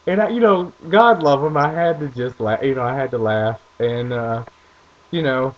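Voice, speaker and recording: A man's voice: mid-range voice, moderate pace, lo-fi sound. Chatty young man with a country accent. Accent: rural American. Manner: chatty, rambling, self-deprecating. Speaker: vlogger. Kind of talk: casual storytelling vlog.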